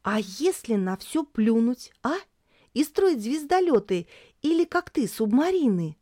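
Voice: mid-range voice, big pitch swings, measured pace, warm tone, no room sound, studio quality, pitched above the performer's own voice. A woman voicing a curious young girl in a storybook reading, with eager, questioning speech.

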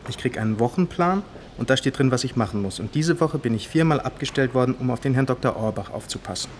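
A young adult male actor voices a shy, evasive but dutiful 21-year-old police guard with a Bavarian accent in a realistic radio drama. He talks fast with lively intonation at medium pitch, close to an everyday voice, in a plain, hesitant, defensive way against a clearly noisy background.

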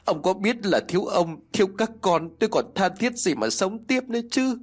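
A man voicing a grieving old grandmother whose voice is worn hoarse from crying. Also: sits high, big pitch swings, moderate pace, pitched above the performer's own voice. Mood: anguished pleading. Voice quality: hoarse from weeping.

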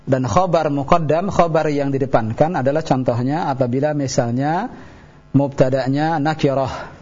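A man's voice: mid-range voice, normal speed, a little mellow. A man teaching Arabic grammar on a radio call-in show, explaining patiently step by step and correcting callers. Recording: muffled radio broadcast.

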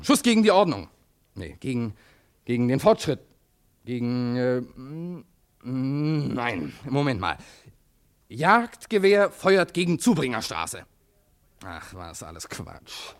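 An actor voices an impatient, domineering small-town newspaper editor for a German radio drama, thinking aloud in fits and starts. His mid-range delivery comes across as brisk and searching.

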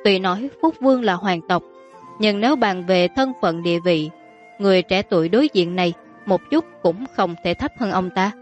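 A woman's voice: mid-range voice, expressive, moderate pace. Woman narrating a story over faint music. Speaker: audiobook narrator. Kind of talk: scripted narration.

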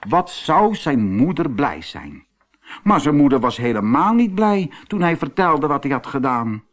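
Casting: male storybook narrator, slow and very animated. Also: fairly high pitch. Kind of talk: storybook reading.

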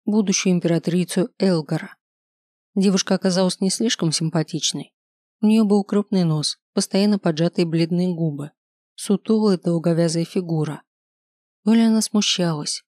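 An audiobook reader giving scripted first-person narration of a fantasy novel in a measured, even way. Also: mid-range voice, no room sound, studio quality.

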